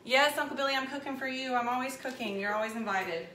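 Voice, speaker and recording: Talking fast in a high, sharp-toned voice, this cooking show host chats and rambles through a live demo in her own kitchen. The sound comes from a distant camera mic across the counter, with echo and background noise in the room.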